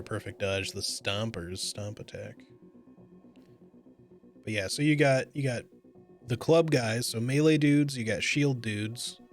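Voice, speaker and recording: A man giving casual, rambling, hedging commentary as he streams a video game. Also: on the low side.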